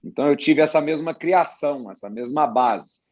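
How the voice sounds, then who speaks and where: A man with a Brazilian accent, a horse auction guest, answering slowly and repeating words as he thinks. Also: fairly high pitch, darkish tone. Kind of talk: interview answer. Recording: dull, dry sound.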